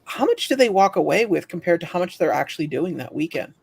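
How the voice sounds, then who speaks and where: A man on a livestream chats casually about collecting, spinning anecdotes and slipping into the voices of the people in them. His voice sits fairly high with a gravelly edge. The sound is dry and close. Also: big pitch swings, quick pace, dry recording. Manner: storytelling, acts out quoted voices. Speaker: livestream co-host. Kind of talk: casual chat.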